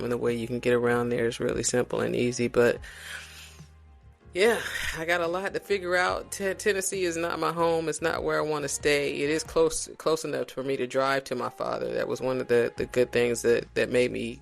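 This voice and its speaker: A man from South Carolina chats casually as a podcast guest, his mid-pitched voice carrying a gravelly rasp. He talks reflectively and without hurry, often backing up to restart his sentences, with faint music under him. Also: fairly even intonation. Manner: reflective, unhurried, with frequent restarts. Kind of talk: casual conversation.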